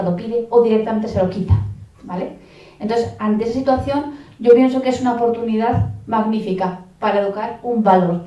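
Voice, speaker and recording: A woman's voice: medium pitch, mellow, muffled recording. A woman giving a conference talk on parenting, chatty and always checking in with her audience. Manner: conversational, checks in with listeners often. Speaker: lecturer on parenting. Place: conference hall. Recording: roomy hall, voice from a distant mic.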